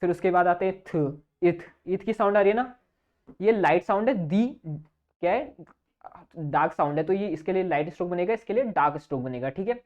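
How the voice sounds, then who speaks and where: A man's voice: sits high, expressive, a little mellow. A man teaching a shorthand lesson, checking in with his students after almost every line. He drags out example sounds and answers his own questions. The recording is muffled and lo-fi. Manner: asks himself questions and answers them, keeps checking with "theek hai?"; spells out sounds slowly and repeats example words. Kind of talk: online exam-prep lesson. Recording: dull lo-fi recording.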